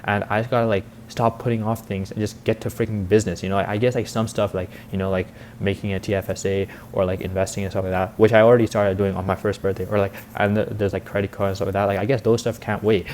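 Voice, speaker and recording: An eighteen-year-old content creator rambles through his vlog in a lowish, darkish voice with little pitch movement, a quick pace, and hardly any pauses. The monologue is casual, confessional, and slangy, loaded with filler words and frequent "like" and "bro." Slight background noise is audible.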